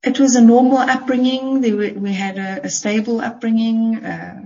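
A woman's voice: fairly high pitch, fairly even intonation, normal speed, a little mellow, highs cut off. South African woman guest, reflective. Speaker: podcast guest. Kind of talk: casual interview chat.

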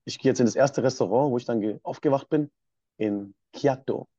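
A man's voice: medium pitch, a little fast, mellow, no echo, muffled recording. A man from Swabia in Germany, a podcast guest telling his personal story in a passionate, emphatic way.

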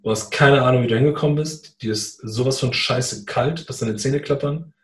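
A man in a casual conversation, telling a personal story in a lively way and acting out what people said. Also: mid-range voice, normal speed, echoey room. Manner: animated, acts out quoted dialogue. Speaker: guest telling his story.

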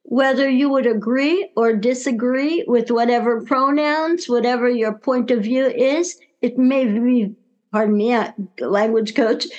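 A woman with a New York accent talks as a guest on a business podcast, her voice pitched a little high. She explains her coaching work earnestly, building her points in careful phrases. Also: dull audio. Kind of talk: casual interview conversation.

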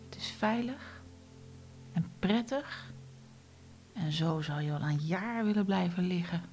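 A woman guiding a relaxation meditation, speaking softly and often in a whisper. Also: fairly low pitch, expressive, soft background music. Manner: slow, soft, often whispered instructions. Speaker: meditation guide.

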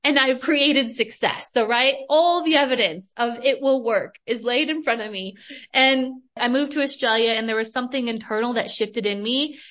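American woman host, candid storyteller, slightly higher pitch; dull lo-fi recording. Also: normal speed. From United States. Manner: candid, animated storytelling with casual swearing. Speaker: podcast host, money coach. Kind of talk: casual monologue.

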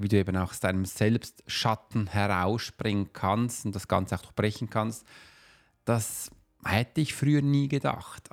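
A man's voice: on the low side, creaky. A man hosts a solo podcast. He chats informally, speaking directly to one listener in an encouraging, coaching way.

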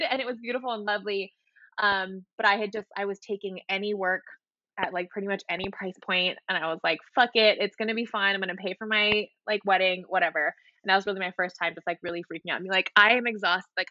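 A woman's voice: medium pitch, pushed and bright, no room sound. A woman in her thirties from Hawaii, a guest on a podcast, chatting casually from her home apartment over a call, full of "like" and the odd curse word. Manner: chatty, peppered with "like", casual swearing. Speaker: podcast guest, wedding photographer. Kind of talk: casual interview chat. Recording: dry, slightly dull lo-fi sound.

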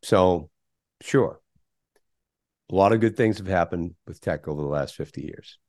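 A man's voice: sits low, normal speed, a little mellow, no room sound, clean studio sound. A middle-aged man, a guest on a podcast interview, speaking emphatically and firing off rhetorical questions. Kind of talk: conversational interview.

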